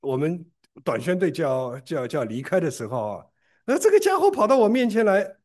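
A man preaches, his voice riding a touch high and leaping up and down as he tells a story to the congregation. He often stumbles over and repeats his words, then pushes on with lively emphasis. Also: fairly quick. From Shanghai, China. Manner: animated storytelling with big pitch swings and frequent repeated restarts. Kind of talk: sermon with a personal story.

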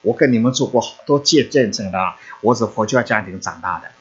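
An older man from China, telling his personal faith story to a church congregation in an animated storytelling way. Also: fast talker, breathy edge. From China, Shanghai and Zhoushan. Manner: animated storytelling, lively swings in pitch and loudness. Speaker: church member giving testimony. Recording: muffled lo-fi recording.

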